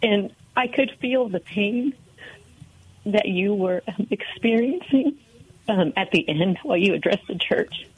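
A woman calling in to a radio show over a telephone line, speaking earnestly and haltingly with many fillers. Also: mid-range voice, expressive, husky. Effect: heard over a telephone line. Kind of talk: heartfelt call-in message. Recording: tinny phone line.

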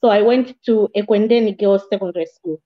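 A woman from Malawi tells her life story as an interview guest, in a measured, plain voice with the odd restart. Her voice sits in a middle register for a woman. The sound is a little dull and muffled. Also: medium pitch. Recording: slightly dull, muffled audio.

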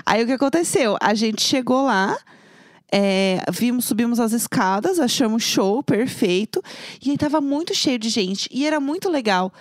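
A Brazilian woman with a high voice co-hosts an easygoing conversation. She recounts stories expressively, with quick asides and quoted lines. The recording is close and dry. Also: lively intonation, dry recording. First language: Portuguese. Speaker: podcast co-host. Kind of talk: casual chat.

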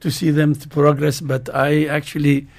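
A man's voice: on the high side, monotone, moderate pace, darkish tone. An older man who is not a native English speaker, chatting casually as a studio interview guest. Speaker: guest, father of the featured women. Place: radio studio.

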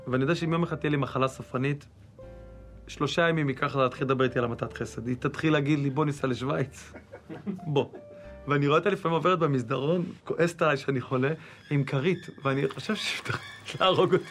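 Man, wry mock-dramatic storyteller, slightly high voice, faint music underneath. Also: fairly bright tone. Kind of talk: comic personal anecdotes.

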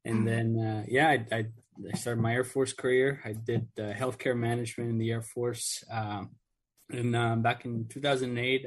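Earnest male veteran guest on radio. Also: medium pitch. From Mexico. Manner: earnest, many fillers. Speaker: guest, Air Force veteran. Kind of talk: casual radio interview.

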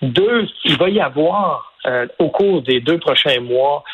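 A man with a Québécois French accent speaks as a radio guest, laying out his points one by one. He is deliberate, with frequent fillers and restarts. His slightly husky voice comes through a muffled, lo-fi line. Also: on the high side, animated, a bit bright. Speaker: business association president, guest. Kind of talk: radio interview, explaining policy.

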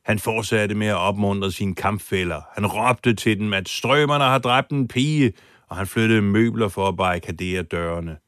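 A man's voice: lowish voice, fairly even intonation, a bit bright, dry recording, clean studio sound. A man telling a true story as host in scripted documentary narration, acting out the quoted lines with drama. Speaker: podcast host and foreign correspondent.

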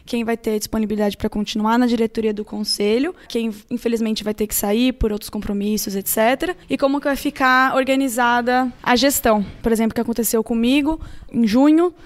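Chatty young woman student, higher voice. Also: fairly even intonation, fairly quick. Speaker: student council president. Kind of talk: casual interview answers. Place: room shared with others.

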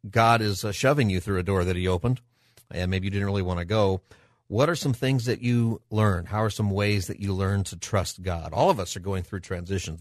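A man's voice: fairly low pitch, dry recording, clean studio sound. A middle-aged man hosting a live radio talk show in a conversational way, with a showman-like announcer manner.

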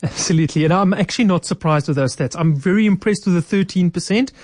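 Speaking fast in a lowish, mellow, soft-edged voice, a woman appears as a guest in a radio studio. She gives practical, step-by-step financial advice, and the sound is dry and close with no echo.

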